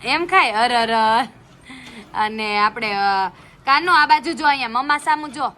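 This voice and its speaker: A woman hosts a casual family vlog in a fairly high voice. She drifts into sing-song baby talk as she chats. Steady traffic noise runs beneath her. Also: normal speed. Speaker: vlogger. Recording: noisy with passing traffic.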